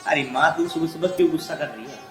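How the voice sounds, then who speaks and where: A man's voice: on the high side, quick pace, fairly bright tone, faint music behind, lightly acted. An actor playing a young husband torn between wife and mother, talking urgently and protectively.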